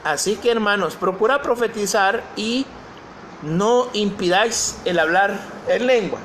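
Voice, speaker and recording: A man's voice: high voice, measured pace, a bit bright, slight background noise. A male pastor preaching a sermon, posing questions to the congregation and reading scripture aloud.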